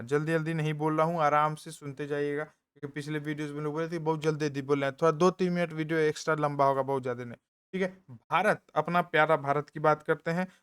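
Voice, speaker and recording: A man teaching an exam-prep lesson in casual Hindi, talking quietly so as not to wake others nearby, repeating key points and adding jokey asides, with an eastern Uttar Pradesh accent. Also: a little high, clean tone. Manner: speaks softly to avoid waking others.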